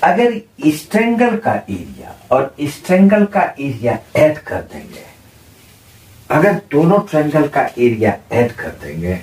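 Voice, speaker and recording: A man teaching a geometry lesson in speech, explaining slowly and repeating terms as he points and writes. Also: mid-range voice, a little mellow. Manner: slow, repeats terms while pointing and writing. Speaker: maths tutor. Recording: roomy, slightly distant mic with faint noise.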